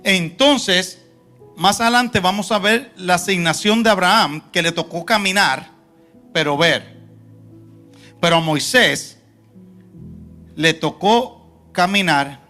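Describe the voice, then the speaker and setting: Slow bright-voiced preaching man. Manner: preaching, swings from soft low asides to loud emphatic lines. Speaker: pastor. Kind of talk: sermon. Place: church sanctuary.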